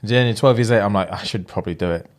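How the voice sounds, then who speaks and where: Animated young man, casual podcast chat. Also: on the low side, very fast. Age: late 20s. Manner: animated storytelling, slangy and jokey. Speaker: podcast co-host.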